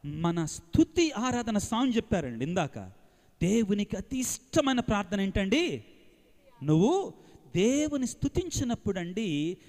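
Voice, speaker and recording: Priest preaching to a big crowd, really high voice, lots of call and response. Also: male voice. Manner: lively call-and-response preaching, mixing English phrases. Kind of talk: sermon to a large congregation. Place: large outdoor gathering. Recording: long hall reverb.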